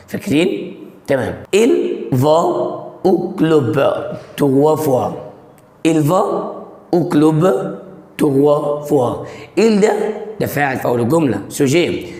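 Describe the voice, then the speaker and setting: An Egyptian-accented man teaches a lesson at an ordinary mid pitch. He quizzes the listener and answers himself, step by step. His voice rings in a room with a long, echoing reverb. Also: a little mellow. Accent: Egyptian Arabic. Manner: reads example sentences out slowly. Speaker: French teacher. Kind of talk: language lesson.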